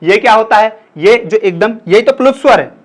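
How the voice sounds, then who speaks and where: A man's voice: sits high, animated, fairly quick. A young man teaching Hindi grammar in a casual lecture, chatty and asking his students questions as he explains, sometimes stretching vowels out to show how they sound.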